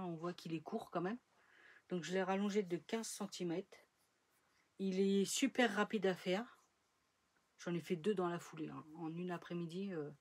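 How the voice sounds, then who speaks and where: A woman's voice: on the low side, darkish tone. A woman chatting casually in a sewing vlog, rambling with fillers and trailing off as she shows her projects. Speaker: sewing vlogger. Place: home sewing room.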